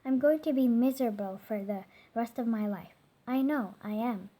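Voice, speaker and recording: A woman voices a miserable little girl from a storybook, sighing through her lines. The voice is fairly high and breathy. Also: normal speed, mellow, lightly acted. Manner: sighing, sad.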